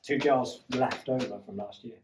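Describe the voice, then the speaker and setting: A man's voice: mid-range voice, moderate pace. A man hosting a casual food podcast, easygoing, with short supportive replies to his guest. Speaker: podcast host and cookery course teacher. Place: half-open converted cart lodge on a farm. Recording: echoey room, distant mic, faint noise.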